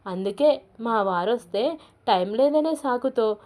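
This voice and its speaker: A woman with a slightly high voice reads a humorous short story aloud. Her telling is lively and expressive, as a regular storyteller would narrate. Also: unhurried.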